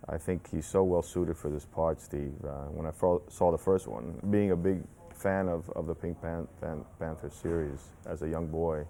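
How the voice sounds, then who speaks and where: A deep, mellow male voice talks thoughtfully and haltingly in a junket interview. Faint hum is underneath. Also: steady tone, creaky. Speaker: actor interviewed about a film.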